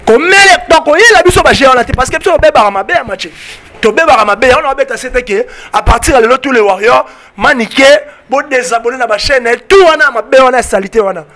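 High, bright-voiced Congolese man, fiery. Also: animated. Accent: Congolese French with Lingala. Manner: emphatic, rapid French-Lingala mixing, repeats "on se comprend". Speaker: fan club spokesman. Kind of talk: heated interview answers. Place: outdoor porch of a building. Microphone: handheld mic held by interviewer.

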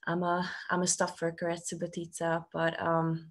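A young woman from Serbia, a student ministry staff worker, sharing a personal story on a video call in earnest, halting speech full of fillers. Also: on the low side, monotone. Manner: earnest, with frequent fillers and restarts. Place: small room at home. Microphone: laptop webcam on a video call.

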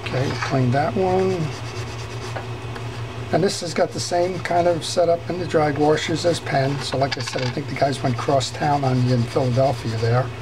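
This man's voice sits fairly high, with fairly level intonation and a normal pace, though the audio quality is poor. Working at a workshop bench, he walks through fixing a fishing reel hands-on, speaking in a relaxed way full of fillers and false starts.

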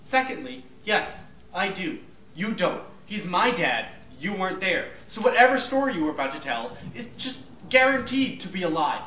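An exasperated man with a high, bright voice corrects his friend with growing frustration. He sits some distance from the mic in an echoey room. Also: sing-song, moderate pace, a little hiss or hum. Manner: exasperated, correcting, grows loud. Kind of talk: sketch comedy acting.

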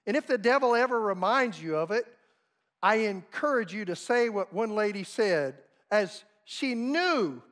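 A man preaching a sermon, telling stories with emphasis and big swings between loud and soft. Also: very high-pitched. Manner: storytelling, emphatic, dramatic swings in volume. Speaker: pastor.

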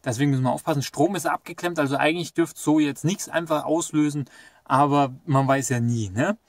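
A man's voice: a little high, fairly quick, no room sound. Young man chatting while working on a car. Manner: chatty, thinking aloud, frequent fillers. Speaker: car hobbyist vlogger. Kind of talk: casual how-to commentary while working. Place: inside a parked car. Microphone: action camera mounted in the car.

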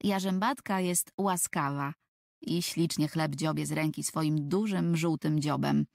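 A woman's voice: low-pitched, fairly even intonation, unhurried, creaky, darkish tone, no echo, clean studio sound. A woman narrating a children's book for an audiobook, telling the story expressively.

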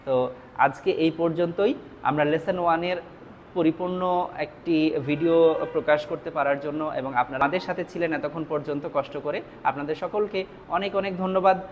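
A man with a Bangladeshi Bengali accent teaching Japanese vocabulary, repeating each word and its meaning slowly. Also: on the high side, steady tone, slight background noise. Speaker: language teacher. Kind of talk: vocabulary lesson.

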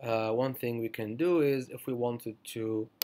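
A man's voice: medium pitch, steady tone, unhurried, mellow, a little hiss or hum. A man teaching a programming tutorial over a screencast, talking it through with many fillers and self-corrections. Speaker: programming instructor.

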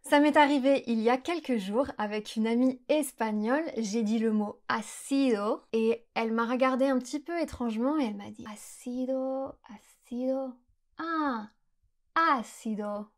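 A young woman from France explains pronunciation pitfalls to her viewers in a fairly high, clear voice. She speaks carefully and slows right down whenever she models a sound. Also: darkish tone. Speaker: French teacher. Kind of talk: explanatory lesson to camera.

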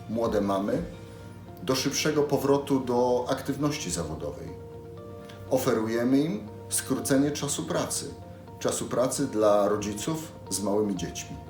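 A man's voice: medium pitch, a little mellow. A man giving an earnest, explanatory company statement as a bank executive. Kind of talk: prepared corporate statement. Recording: echoey room.

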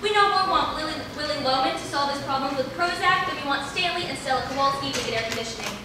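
A young woman playing a brisk, wry playwriting lecturer in a live stage comedy sketch, lecturing with dry asides, recorded from far off in a theater. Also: sits high, close to an everyday voice. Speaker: stage actor. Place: large indoor theater stage. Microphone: distant camera mic. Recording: echoey hall from far off, noisy.

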